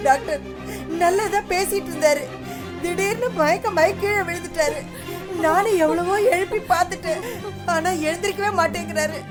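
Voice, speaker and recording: Panicked wife, middle-aged, tearful pleading, high-pitched, dramatic music behind. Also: female voice, normal speed. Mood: frightened. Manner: sobbing, pleading, repeating calls. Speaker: wife in a TV serial.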